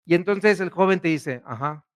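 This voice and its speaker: Priest giving a sermon, fairly high voice, goes loud then drops way down quiet. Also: male voice, animated, unhurried. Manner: preaching with rhetorical questions, swinging between loud and hushed.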